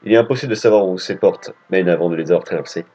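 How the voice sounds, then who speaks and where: A man voicing a calm, knowing woman who guides travelers between worlds, read plainly. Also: deep voice, rapid-fire, voice pushed down. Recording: dull lo-fi audio with game music.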